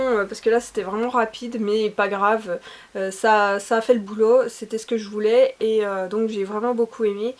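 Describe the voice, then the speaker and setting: Eager book-review lady, talks on and on with lots of ums, voice a bit high. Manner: enthusiastic, chatty, many hesitations. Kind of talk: casual chat about books.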